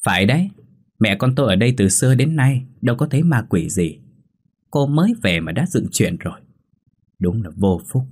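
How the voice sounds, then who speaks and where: A man's voice: mid-range voice, animated, normal speed, slightly rough, voice pushed up. A man voicing a harsh, scolding elderly mother-in-law who nags and sneers in a storybook ghost tale. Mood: scornful. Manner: sharp, nagging and contemptuous.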